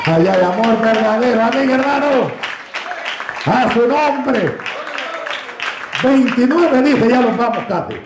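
A man's voice: very high-pitched, brisk, hardly any pauses, a crowd in the background, background noise. A man preaching a sermon as pastor, joking and telling stories as he calls his listeners brother. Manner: jokey, storytelling preacher, addresses congregation as brother. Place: church. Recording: echoey church hall.

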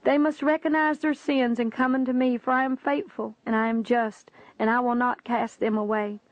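A woman's voice: a little high, fairly even intonation, dry recording, lightly acted. A woman reading as a grave, sorrowful male Jesus. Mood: solemn reproach. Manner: grave, measured pronouncements. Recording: dull, dry lo-fi recording.

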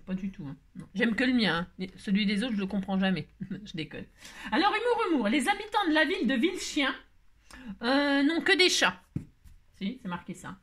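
A woman with a high, fairly bright voice hosts a scrapbooking channel. In this chatty mail-opening vlog she rambles playfully, full of fillers and teasing asides.

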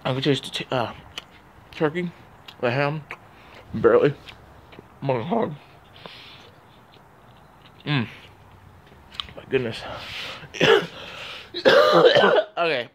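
A man's voice: fairly high pitch, huge pitch swings, very slow, pauses often, fairly bright tone, slight background noise. A man talking while chewing during a casual food review, blunt and exclaiming at the taste.

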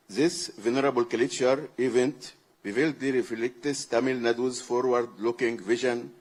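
A man delivers a formal, prepared speech of thanks as a guest, in deliberate ceremonial phrases. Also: on the low side, darkish tone. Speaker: guest speaker, book fair participant.

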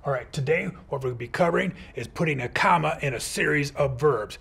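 A man's voice: a little high, a little fast, gravelly, a bit bright, slightly rough. A man teaching kids grammar in a playful, upbeat superhero persona. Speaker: teacher playing a comma superhero. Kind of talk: educational video for kids.

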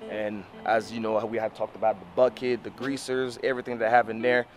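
Low-pitched man in a casual vlog. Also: flat delivery, a little fast, slight background noise, low-quality recording. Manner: repetitive, explanatory, addresses viewers directly as "you guys". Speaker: mobile car detailer and video host. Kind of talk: casual instructional vlog talking to camera. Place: outdoors on an open rooftop parking lot beside a van. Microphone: camera mic, mostly handheld at arm's length.

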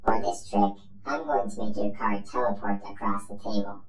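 A man's voice: on the low side, moderate pace, natural voice. A man voicing a cheerful male robot magician who presents tricks with upbeat showman patter. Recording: roomy echo with faint music.

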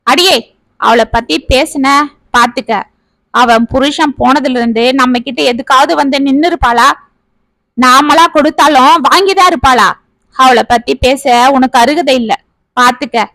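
A woman voicing a soft-spoken, long-suffering village father in a family storybook tale, fond and pleading with his children. The voice sits high, and the sound is close and dry. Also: normal speed, dry recording. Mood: scolding.

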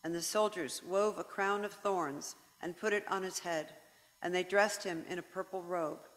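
Scripture narrator, steady reading, long church reverb. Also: medium pitch, normal speed. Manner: steady, even reading aloud. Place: large church.

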